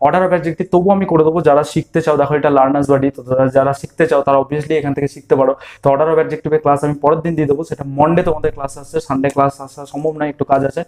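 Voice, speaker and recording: A man's voice: fairly high pitch, level tone, racing, hardly any pauses, darkish tone. A man teaching an online grammar lesson, drilling word forms and asking and answering his own questions.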